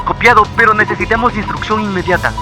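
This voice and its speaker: Drama role: a man as a high-pitched airline pilot on the cockpit radio, terse and urgent, with music playing behind. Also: quick pace, lightly acted. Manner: clipped, urgent radio procedure talk. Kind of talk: scripted drama acting.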